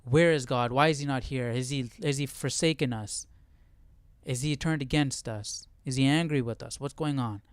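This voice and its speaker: On his Bible study livestream, this host chats informally about scripture and throws in rhetorical questions to check on viewers. He speaks in a mid-range voice at a moderate pace, with a clean tone and a dry recording.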